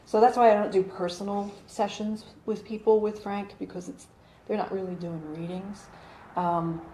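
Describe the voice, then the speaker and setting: A woman in her forties speaks in a mellow, mid-range voice with flat delivery and a moderate pace, explaining her channeling to a small group in a living room. Her talk is chatty, full of fillers and restarts. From a phone camera across the room, the audio is roomy, with a faint hum.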